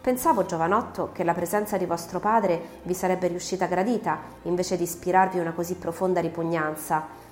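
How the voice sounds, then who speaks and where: A woman voicing a kindly, formal older male magistrate who speaks gravely. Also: fairly low pitch, fairly even intonation, a little fast, lightly acted. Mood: stern. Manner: gentle, formal, turns stern. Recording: roomy recording, faint music.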